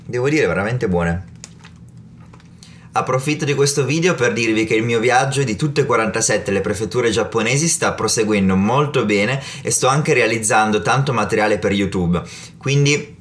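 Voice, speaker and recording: A man in his thirties with a slightly low voice. He speaks casually to the camera like a travel vlogger. He is recorded indoors in a small room, a short way from the camera's microphone. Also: moderate pace. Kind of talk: casual talk to camera, snack tasting.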